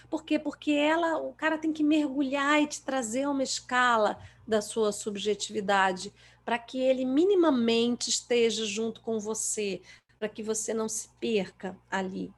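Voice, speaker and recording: A Brazilian woman trainer lectures on coaching with emphatic, lively delivery. Her voice sits a little high for a woman, and she acts out the replies of clients as she goes. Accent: Brazilian Portuguese.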